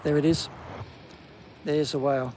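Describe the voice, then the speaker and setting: A man casually hosting a live walking stream on a coastal clifftop, chatty with plenty of ums and excited whenever he spots something. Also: fairly high pitch, a little slow, a little hiss or hum, low-quality recording. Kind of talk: live walking vlog commentary. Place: outdoors on a coastal clifftop walk.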